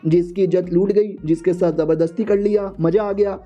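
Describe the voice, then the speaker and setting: A man's voice: fairly even intonation, moderate pace, muffled recording, soft background music, lightly acted. A man doing a fiery sword-wielding bride. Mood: bitter. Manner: shrill, scolding, threatening.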